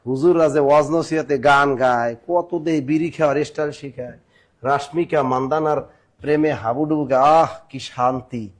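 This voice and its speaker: Quick-joking grammar teacher, man. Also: a little high, fairly even intonation. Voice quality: sings snatches of songs in class. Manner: urges students to answer fast, jokes and complains between questions. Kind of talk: live online exam-prep class.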